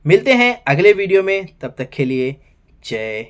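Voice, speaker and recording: A man's voice: sits high, very animated, unhurried, smooth. A man giving a casual, chatty recap of a reality show episode, often calling viewers brother and friends and acting out quotes in a raised voice.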